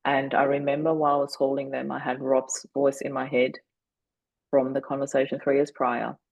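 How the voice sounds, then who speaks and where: An Austrian woman in her forties, a German speaker, tells reflective stories as a podcast guest in a gravelly, rumbling low, even-toned voice. She is earnest and deliberate, slowing down at key moments. The close-mic recording is dry and rough, with no room sound.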